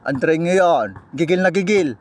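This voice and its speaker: A man doing playful mock play-by-play commentary on a casual basketball game, teasing the players, laughing often and shouting on big plays. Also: on the high side, lively intonation, slow.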